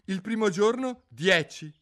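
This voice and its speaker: A man reading an audiobook, voicing a mournful, sighing old Mock Turtle in a slow, plaintive, wavering way. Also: sits high, lively intonation, a bit bright, pitched above the performer's own voice. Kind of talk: audiobook character voice.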